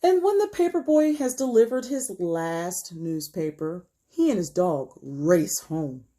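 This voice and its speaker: Reading a children's picture book aloud, an elementary school teacher moves at a slow, careful pace, pausing to ask her pupils questions. Her mellow voice ranges widely in pitch, and her gentle, expressive storytelling draws young listeners in, often sinking to a hush.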